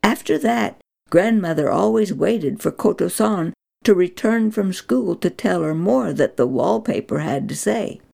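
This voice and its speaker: A woman narrating a children's Bible story, reading slowly and with expression. Her voice rises and falls a great deal and has a strongly gravelly, creaky texture. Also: fairly low pitch, animated, a little mellow.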